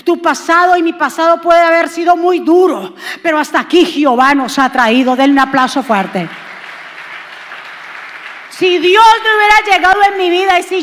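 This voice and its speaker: Woman pastor, very high and bright, fervent sermon delivery with shouted peaks, reverberant church hall. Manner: preaching with sudden rises to shouting.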